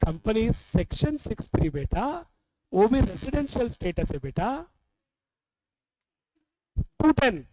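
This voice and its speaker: Male classroom tutor from India, high voice, unhurried drilling delivery, teasing scolds. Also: very animated, dark tone, slight background noise, poor audio. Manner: scolding, quizzing students, calling them beta. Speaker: teacher. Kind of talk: classroom revision lecture.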